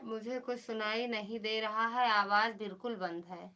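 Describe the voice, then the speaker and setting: A woman's voice: medium pitch, fairly even intonation, moderate pace, sharp tone. A woman with an Awadhi accent hosting a casual live stream, chatting with viewers and calling them didi and bhaiya over a phone mic.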